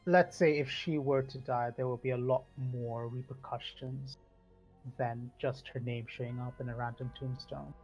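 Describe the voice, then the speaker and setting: A man's voice: mid-range voice, steady tone, moderate pace, a little mellow, faint music behind. Man role-playing, dull lo-fi sound. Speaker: tabletop game player. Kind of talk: casual in-character role-play.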